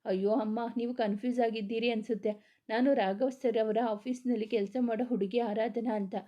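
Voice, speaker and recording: A woman's voice: fairly high pitch, fairly even intonation, moderate pace, mellow, dull audio, close to an everyday voice. A woman voicing a blunt, outspoken young female office worker in a storybook reading.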